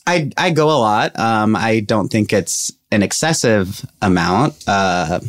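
A man's voice: lowish voice, expressive, unhurried. A man from Illinois answering casually as a podcast guest, understated and matter-of-fact. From Illinois, United States. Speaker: podcast staffer appearing as guest.

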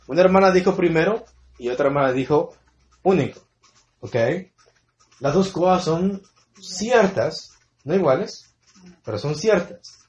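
A preacher with a voice on the high side and a darkish tone teaches a Bible study sermon to his congregation. He is emphatic, repeats key words, and quizzes listeners with fill-in-the-blank questions. The audio is dull, with echoey room sound.

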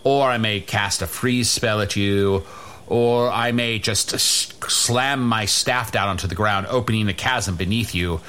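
A man's voice: lowish voice, measured pace, sharp tone, smooth. A man playing a pompous, easily exasperated wizard champion in improvised comic fantasy. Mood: pompous threatening. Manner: pompous, declamatory, sweary.

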